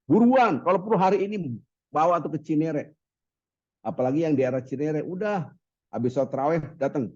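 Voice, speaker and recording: Man, animated sermon, chants Arabic lines, slightly higher voice, dry lo-fi sound. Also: no room sound. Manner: lively, acts out market haggling in quoted voices; chants Arabic hadith phrases slowly. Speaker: preacher. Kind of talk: Ramadan sermon.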